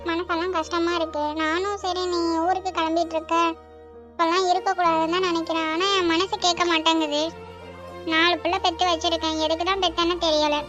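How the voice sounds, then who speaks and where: A woman's voice: extremely high pitch, flat delivery, brisk. A woman voicing a tearful, clingy middle-aged mother in a cartoon, talking in a sorrowful, pleading way. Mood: sad. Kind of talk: cartoon voice acting. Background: music.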